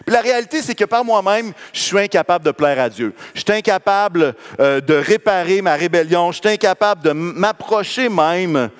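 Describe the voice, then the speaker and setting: Quebec pastor guy preaching in a church, pretty high voice, long echo, keeps asking the crowd if they follow. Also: animated, fairly quick, few pauses, clean tone. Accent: Quebec French. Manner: conversational, checks in with the congregation. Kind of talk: sermon.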